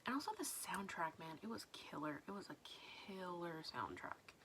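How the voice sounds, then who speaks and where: A woman's voice: lowish voice, lively intonation, normal speed, noisy background. A woman vlogging casually, rambling through questions in a chatty way with many half-whispered asides. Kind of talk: casual video diary chat.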